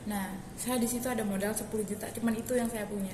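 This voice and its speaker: A young woman talks fast in a medium-pitched, fairly even voice while being interviewed about her story, with a crowd audible behind her. She rambles casually, often restarting and using fillers. The hall is echoey and noisy.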